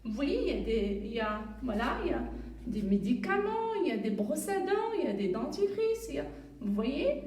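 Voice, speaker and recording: A woman teacher giving a beginner reading lesson, sounding out words slowly and clearly, syllable by syllable, heard in an echoey room from afar. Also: high voice, very animated, darkish tone, recorded from a distance, slight background noise. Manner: slow, clear, syllable-by-syllable explanation.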